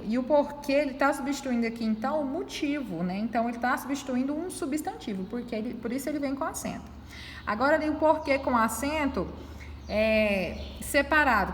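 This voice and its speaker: High-voiced teacher in an echoey room. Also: female voice, a little hiss or hum. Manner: patient, explaining step by step, frequent tag questions. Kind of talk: reviewing a test with students. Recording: echoey room with long reverb.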